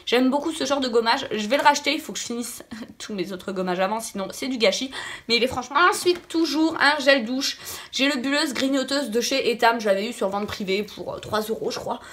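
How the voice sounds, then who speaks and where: A woman with a fairly high voice and a noticeable lisp that makes her s sounds slushy. She sounds a little sick and talks casually to her viewers as a beauty vlogger, repeating words for emphasis. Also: fairly quick, a bit bright. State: slightly sick voice. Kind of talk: casual product review chat to viewers.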